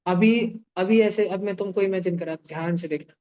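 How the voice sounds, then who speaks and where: A male chemistry teacher explains in a playful, animated way, acting out ideas with sound effects and homely comparisons. He keeps turning to his students with quick questions. The recording is dull and lo-fi. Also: sits high. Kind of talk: live online class lecture.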